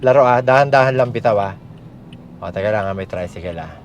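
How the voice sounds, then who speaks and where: A Filipino man with a lowish voice talks fast as he coaches someone driving, firing off brief commands and tag questions in casual, hands-on style. The car is moving, and its loud engine and vehicle noise leave the recording muffled.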